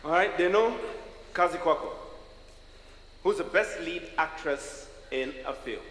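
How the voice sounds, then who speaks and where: A man's voice: a little high, lively intonation, measured pace, a bit bright, a little hiss or hum. A man with a Kenyan accent hosting an awards show, exuberantly calling for applause from the stage. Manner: exuberant crowd-rousing. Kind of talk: live stage hype and announcing. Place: large conference hall stage. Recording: echoey hall PA, music and crowd behind.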